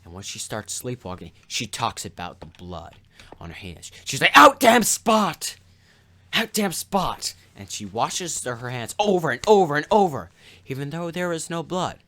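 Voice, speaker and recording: A man's voice: medium pitch, animated, moderate pace. A man casually retelling a story as a video host, rambling with restarts, sarcastic asides and mouth sound effects.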